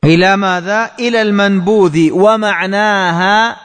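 A man giving a religious lesson, explaining words slowly and repeating key terms back as questions to his students. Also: high-pitched, fairly even intonation, a bit bright, long reverb tail. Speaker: religious teacher.

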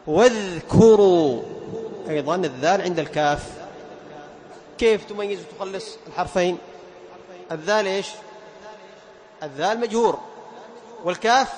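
A man teaching a class on Quran recitation rules, stretching out example words slowly and quizzing his students with questions. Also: sits high.

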